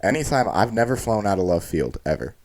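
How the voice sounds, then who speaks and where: Deep-voiced male co-host; teasing, dry wisecracks, animated about sports. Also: a little fast. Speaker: podcast co-host. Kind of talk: casual chat. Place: recorded face to face in Texas.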